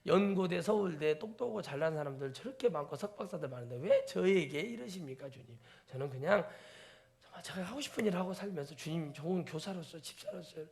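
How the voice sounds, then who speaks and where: A man pastor preaching a sermon in a church, his slightly high voice rough with gravel. He keeps turning questions on the congregation. His delivery swings from hushed, breathy near-whispers to loud exclaimed peaks. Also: animated, a little fast. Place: church sanctuary.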